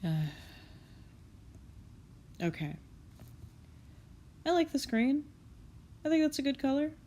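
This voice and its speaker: Her voice is high, warm, and very animated but slow as this young comic artist chats through a drawing session. She sniffles from a cold, swears under her breath, and criticizes her own work, with slight background noise present.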